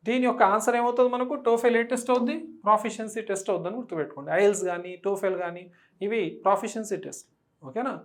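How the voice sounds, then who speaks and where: Exam-prep teacher, step-by-step explainer, reads English questions out slowly, keeps asking the class. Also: medium pitch.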